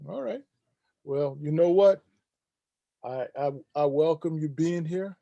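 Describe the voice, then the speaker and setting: A man's voice: fairly high pitch, slow pace, vocal fry, mellow, no room sound, muffled recording. A male instructor on a video call, joking and teasing his students in a friendly way. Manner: joking, friendly teasing, uses "man" and "bro". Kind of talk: casual class chat.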